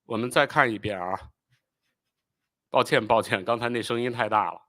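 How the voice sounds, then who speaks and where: A man hosting a live stream, explaining rocket launches and pausing often with fillers. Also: mid-range voice, bright, forceful tone, dry recording, studio quality. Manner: explanatory, with frequent filler pauses; apologetic and hurried while fixing playback. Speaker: channel host.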